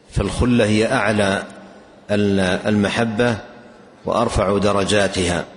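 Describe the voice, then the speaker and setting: A deep-voiced man teaching a classical text, speaking slowly and with measured pauses. His voice rings out with a long reverb, as in a large hall. He lingers on each phrase as he explains it. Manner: corrects the reader's wording. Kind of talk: lesson commentary on a text.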